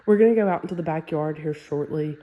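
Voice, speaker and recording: The audio is dull, and the woman's low voice moves fast as she casually shows off a house in her role as a real estate agent. She's stuffy and nasal, clearly fighting a sinus infection. Her chatter is relaxed and peppered with "like" and "um".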